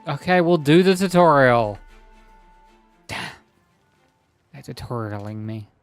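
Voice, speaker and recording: A man streams a game and rambles casually to his viewers in an animated, mid-range voice at a slow pace, with faint music behind him. His voice sounds a little strained, as if he is losing it.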